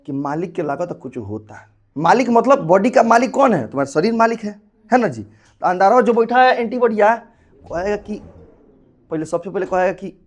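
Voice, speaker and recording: A young male teacher giving a classroom lecture, often asking the class questions and acting out the body with sound effects. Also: high-pitched.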